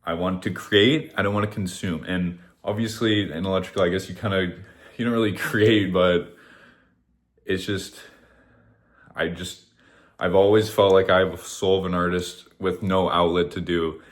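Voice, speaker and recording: In a casual, rambling motivational talk to camera, a vlogger in his thirties swears often and waves things off with "whatever," which he repeats. His voice is low with fairly even intonation, moving at normal speed.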